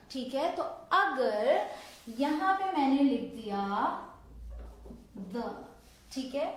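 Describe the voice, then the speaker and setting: A woman teaching an online grammar lesson, explaining step by step and quizzing viewers with questions as she goes. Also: high voice. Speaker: English teacher. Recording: echoey room.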